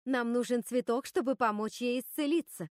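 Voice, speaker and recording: A woman's voice: on the high side, moderate pace, a little mellow, no room sound, clean studio sound, lightly acted. Woman playing a frantic pleading witch sister. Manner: anxious, pleading.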